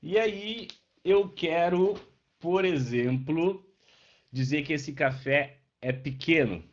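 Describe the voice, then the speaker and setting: Speaking at a slow pace in a slightly high voice, a man leads a live online lesson and patiently checks in with students while explaining. A webcam microphone captures him, giving the recording a dull, lo-fi feel.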